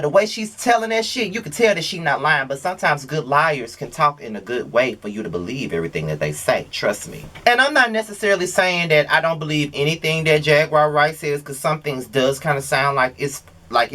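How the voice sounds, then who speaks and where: A man's voice: fairly high pitch, fairly bright tone. A man hosting a gossip commentary vlog in a conversational, opinionated way, with slang and rhetorical questions. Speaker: host of a gossip commentary show.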